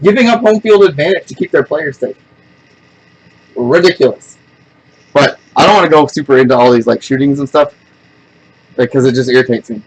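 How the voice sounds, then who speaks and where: A man with a medium-pitched, slightly rough voice hosts a casual podcast, talking a bit fast and pausing often. Blunt and opinionated, he tells stories with animation and acts out the people he quotes. The recording quality is low.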